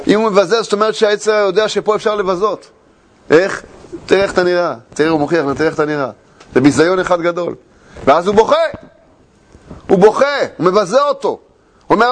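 A man teaching as a Torah teacher, retelling a tale in an expository lecture, animated and full of rhetorical questions and repeated phrases. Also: high-pitched.

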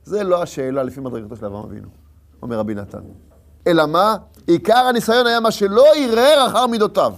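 A man's voice: high-pitched, expressive. A man giving a Torah lesson, telling the story with rhetorical questions and repeated phrases. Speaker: Torah teacher.

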